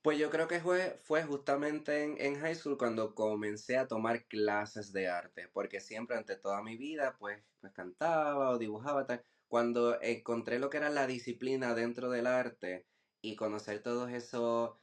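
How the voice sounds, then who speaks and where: A man's voice: medium pitch, unhurried. A man in his twenties with a Puerto Rican Caribbean Spanish accent, chatting casually as a podcast guest and sprinkling in English words. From Puerto Rico. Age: 20s. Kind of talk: casual chat.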